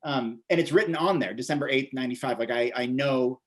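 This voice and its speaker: A mid-range voice moving a little fast comes from an American man in his forties. He's a vegan bodybuilder and author being interviewed, casually telling stories that ramble, with repeated words.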